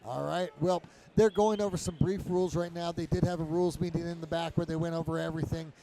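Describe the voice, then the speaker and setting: A man's voice: a little high, fairly even intonation, quick pace, mellow, poor audio. A man doing conversational live commentary on a fight event as one of a pair of commentators.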